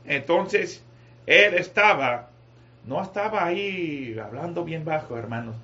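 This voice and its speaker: A man preaching a sermon to a congregation, rising to shouted climaxes. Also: a little high, expressive, slow pace, dull audio. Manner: rises to shouting climaxes, addresses congregation as brothers.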